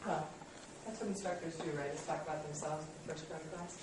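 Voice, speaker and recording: A fast-talking woman in her late thirties lectures as a college instructor, her voice sitting low and her tone steady. Friendly and self-deprecating, she fills pauses with many ums. The sound is distant and echoey in a classroom with background noise.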